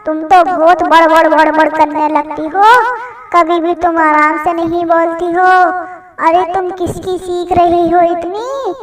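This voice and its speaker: A woman's voice: very high-pitched, little pitch movement, measured pace, soft background music. Woman playing a nagging mother-in-law. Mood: scolding. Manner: scolding and whiny. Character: nagging older mother-in-law, grumbling and scolding. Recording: roomy, distant mic.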